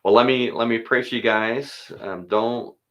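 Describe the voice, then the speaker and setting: A man's voice: medium pitch, steady tone, moderate pace, fairly bright tone. A man who is a pastor, chatting casually and thinking aloud, then leading a spoken prayer. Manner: easygoing, thinks aloud, chuckles between thoughts.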